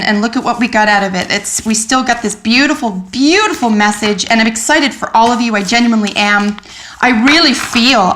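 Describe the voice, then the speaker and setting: Tarot reader, woman, slightly high voice, excited and chatty, lots of ums and restarts. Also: a little hiss or hum. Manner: animated, enthusiastic, many fillers and restarts. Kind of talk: general tarot reading to camera.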